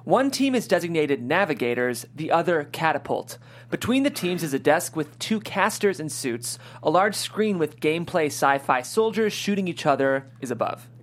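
Hosting a table read, a man with a somewhat high-set, sing-song voice speaks at normal speed. He shifts between presenting the show and reading the script's stage directions aloud.

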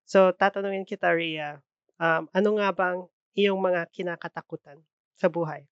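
A woman's voice: on the low side, fairly even intonation, normal speed, clean tone, no echo. A woman with a Filipino accent co-hosting a conversational podcast. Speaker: podcast co-host. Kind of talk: conversational podcast talk, mixing English and Tagalog. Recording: slightly dull, dry lo-fi audio.

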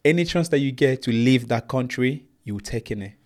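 A man's voice: mid-range voice, expressive, normal speed, a little mellow. A young man from Congo, not a native English speaker, telling his life story earnestly as a guest in a casual interview. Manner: earnest, plain storytelling, says "bro" often. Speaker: guest, professional boxer.

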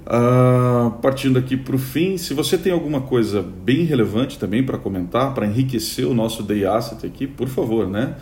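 A man's voice: medium pitch, normal speed, few pauses, a little mellow, roomy sound, slight background noise. A man hosting a casual news roundup, chatty, with many fillers and restarts. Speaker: podcast host.

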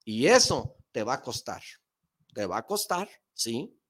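A man hosting a motivational talk show, speaking emphatically with slangy rhetorical questions and bursts of excitement. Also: medium pitch, measured pace.

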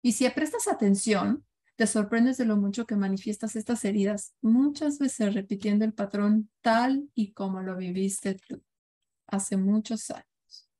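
A woman's voice: mid-range voice, a little slow, dark tone. A woman leading a parenting workshop, speaking reflectively and often asking her listeners questions. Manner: reflective, asks the audience questions. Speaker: parenting coach. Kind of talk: live online workshop talk.

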